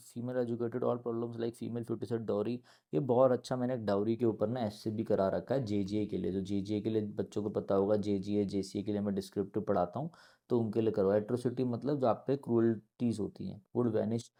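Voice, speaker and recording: Indian english teacher guy, mellow low-ish voice, spells out every word letter by letter. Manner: mixes Hindi and English, spells words letter by letter. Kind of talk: exam-prep lesson explaining answers.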